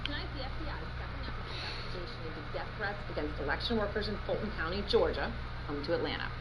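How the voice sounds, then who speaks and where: A woman anchoring a TV news report, reading briskly and formally and interviewing a guest. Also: on the low side, animated. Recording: noisy news clip played back.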